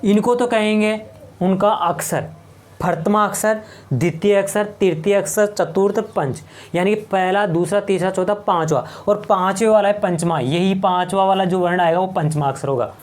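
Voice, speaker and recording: A man's voice: high-pitched, moderate pace. A male teacher gives a patient, step-by-step board lecture. He goes over each point more than once and keeps asking his students questions before answering them himself. The faint scratch of a marker on a board runs behind him. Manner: repeats points and asks rhetorical questions. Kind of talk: whiteboard lecture.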